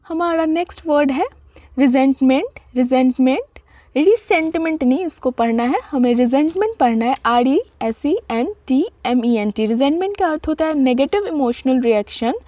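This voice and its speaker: High-voiced Indian woman teaching vocabulary. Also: a little mellow, no room sound. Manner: spells words letter by letter, reads English definitions slowly. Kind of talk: explaining word meanings.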